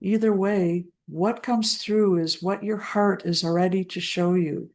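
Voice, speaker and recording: A woman coaching listeners through trauma recovery in an unhurried, soothing voice. She lets her words land slowly with deliberate pauses between phrases. Her pitch sits in an ordinary middle range. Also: fairly even intonation, a little mellow. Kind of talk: slow guided self-help talk.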